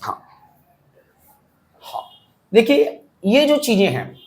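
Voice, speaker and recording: A man teaching English grammar in a lecture, explaining step by step and often asking the class if it is clear. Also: high-pitched, slow pace. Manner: lively explaining, asks frequent checking questions.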